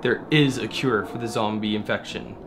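A man's voice: fairly low pitch, steady tone, moderate pace, creaky, background noise. An actor playing a grave man broadcasting an urgent message to survivors in a comedic short film. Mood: solemn. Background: music.

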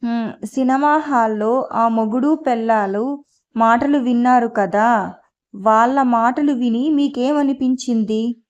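A woman's voice: a little high, slow, a little mellow, dull audio. A woman voicing an earnest, indignant young wife in a storybook reading. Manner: earnest, questioning.

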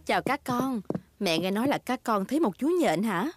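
A woman voicing a calm, kindly mother pig in a cartoon dub, with a gentle motherly manner. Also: fairly high pitch, brisk, over loud music, lightly acted. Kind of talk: cartoon dubbing.

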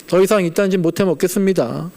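A man doing a furious, sulking prophet who has had enough and snaps his complaints bluntly. The voice sits high for a man and comes out quick and heated. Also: creaky, mellow. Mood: fed up. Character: angry sulking male prophet Jonah.

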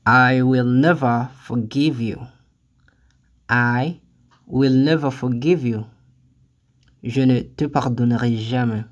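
A language teacher reading short phrases one at a time, saying each twice with careful, deliberate delivery, then giving the translation. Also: medium pitch, fairly even intonation. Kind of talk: slow phrase-by-phrase lesson reading.

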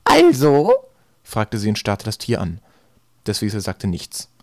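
A man reading an audiobook in a lively, expressive way. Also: on the low side, normal speed, no echo, studio quality. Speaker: audiobook reader. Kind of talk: scripted narration.

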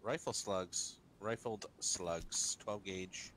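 Low-voiced gamer guy over noise. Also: slow pace. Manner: laid-back, short remarks, swearing. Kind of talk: casual co-op game chat.

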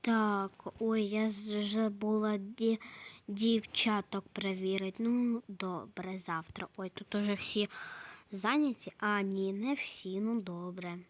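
A woman with a hoarse voice narrating her game play in a soft, slow way, often slipping into a whisper. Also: medium pitch, steady tone. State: hoarse, coughing. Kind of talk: casual gameplay narration.

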